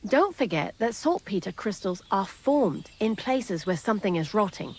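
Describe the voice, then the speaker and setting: The voice is a woman's, medium in pitch and close to how someone talks day to day, with a little hiss or hum. As an actress in a game, she gives lines to the miller's thief accomplice, a wry, chatty young woman keeping out of sight.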